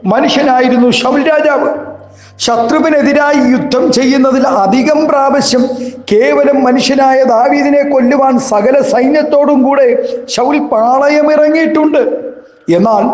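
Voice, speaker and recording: A man's voice: very high voice, a little mellow, reverberant, long reverb tail. A man from Kerala, a pastor, preaching a fervent sermon and prayer with a Malayali accent, dropping in amens and hallelujahs. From Kerala, India.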